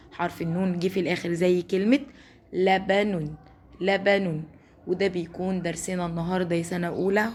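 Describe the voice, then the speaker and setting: Egyptian woman teacher, lowish voice, stretches out letters for small kids, keeps praising them. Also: a little hiss or hum. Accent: Egyptian Arabic. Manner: slow, drawn-out spelling of sounds and words; encouraging, praising the class. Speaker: primary school teacher. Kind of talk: recorded lesson for first graders.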